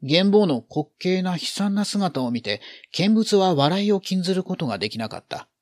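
A man's voice: high voice, very animated, normal speed, no room sound, clean studio sound. A man reading a literary story aloud, expressively acting out the feelings in the narration.

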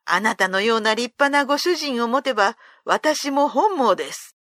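A woman voicing a huge, fierce warrior monk in a read-aloud folk tale, gruff and later deferential. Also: a little high, expressive, normal speed, a bit bright, no echo, clean studio sound. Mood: humble.

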